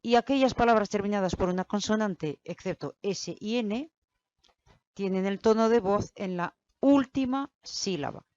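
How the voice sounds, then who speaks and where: A woman teaching a grammar lesson, explaining slowly and deliberately and speaking straight to the learner. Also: medium pitch, a little mellow, no room sound. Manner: slow, deliberate explaining, addressing the learner directly. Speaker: Spanish teacher. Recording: dull, lo-fi, dry sound.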